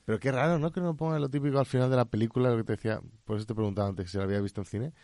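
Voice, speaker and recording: A man co-hosting a casual film review chat. He speaks in a relaxed, agreeable way and often adds "¿sabes?". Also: medium pitch, rapid-fire, dry recording, studio quality. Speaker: podcast co-host.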